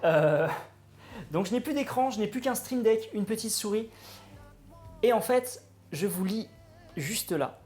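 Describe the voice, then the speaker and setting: A man chatting excitedly with viewers while he cooks live, greeting and thanking them as he goes. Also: sits high, a little slow, pauses often, faint music behind. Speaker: cooking streamer. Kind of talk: live-streamed cooking chat.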